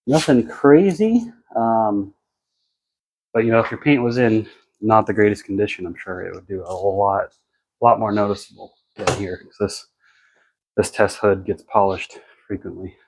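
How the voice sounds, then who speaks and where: A low-voiced American man with a husky edge talks through a hands-on product demo. He is casual and low-key, thinking out loud as he goes. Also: poor audio. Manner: low-key, thinking aloud while working. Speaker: car care product reviewer. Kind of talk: casual unscripted product demonstration.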